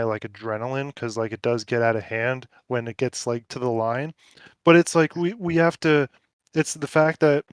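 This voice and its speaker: A man's voice: mid-range voice, smooth, no room sound, studio quality. A man co-hosting a casual gaming podcast, rambling with lots of fillers and restarts. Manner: rambling, filler-heavy, stressed about a game raid. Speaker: podcast co-host. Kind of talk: casual chat.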